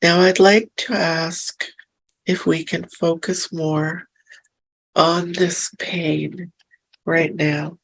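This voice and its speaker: A woman leading a hypnosis session, speaking softly and reassuringly as she gently asks questions. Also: lowish voice, steady tone, rough recording. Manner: soft, slow and soothing, reassuring. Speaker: hypnosis practitioner.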